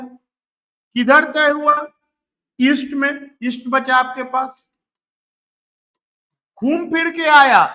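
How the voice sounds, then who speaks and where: Slow, high-voiced male physics teacher. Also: bright, forceful tone. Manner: slow, repeats key numbers, asks students questions then answers; motivational asides to students. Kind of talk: classroom physics lecture.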